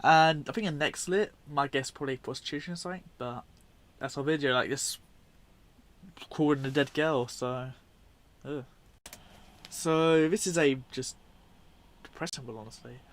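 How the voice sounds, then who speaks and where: Man, higher-pitched voice, rambling casual commentary. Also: normal speed, pauses often. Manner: rambling, informal, self-correcting. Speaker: video host. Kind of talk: casual unscripted commentary describing video clips.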